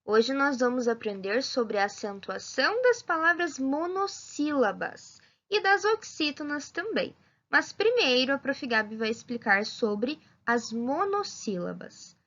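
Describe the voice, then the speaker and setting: Woman, teacher, high voice, unhurried delivery, dull recording. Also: sing-song, fairly bright tone. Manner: slow, clearly spelled-out teaching voice. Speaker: primary school teacher. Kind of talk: children's lesson. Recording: dull lo-fi sound.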